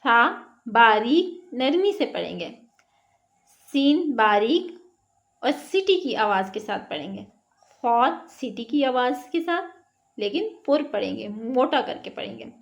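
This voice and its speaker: A woman teaching Quran letter sounds, drilling syllables slowly one by one and then explaining how each is pronounced. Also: on the high side, big pitch swings, vocal fry. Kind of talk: slow recitation lesson. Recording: dull lo-fi online lesson audio.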